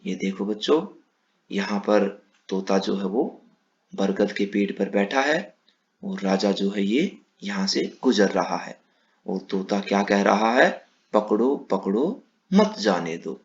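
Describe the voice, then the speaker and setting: Slow-talking male teacher, lo-fi. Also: on the low side. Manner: warm, slow, explaining to children. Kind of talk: children's lesson read-aloud. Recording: dull lo-fi recording.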